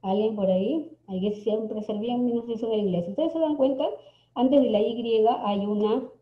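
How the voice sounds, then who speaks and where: A woman's voice: on the high side, normal speed. A woman teaching an English lesson, going through words one by one and checking in with her class with a frequent "ok?". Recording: echoey, dull lo-fi recording.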